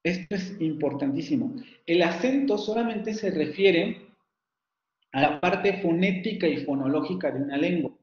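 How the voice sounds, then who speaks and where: A man's voice: on the high side, animated, normal speed. Male university lecturer, patient explainer on a video call; roomy, muffled sound. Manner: explanatory, often checks students follow. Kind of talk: online lecture. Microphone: computer mic on video call. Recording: echoey, dull lo-fi call audio.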